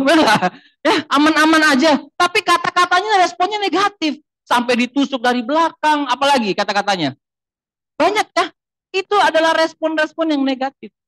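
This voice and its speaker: A man's voice: very high-pitched, a bit bright, no room sound, low-quality recording. A man preaches a sermon as a guest pastor. He talks in a loose, conversational way and tells personal stories. He keeps turning to the congregation with rhetorical questions.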